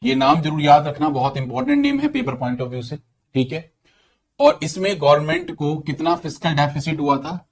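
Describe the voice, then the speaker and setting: A man's voice: on the high side, lively intonation, normal speed, darkish tone, a little hiss or hum. Man teaching an exam-prep lesson. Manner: repeats points and quizzes students; mixes English terms into Hindi.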